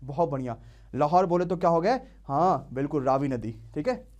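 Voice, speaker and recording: A man's voice: on the high side, normal speed, a little mellow, lo-fi sound. A young man teaching an online exam-prep class, quizzing students and drilling answers call-and-response style.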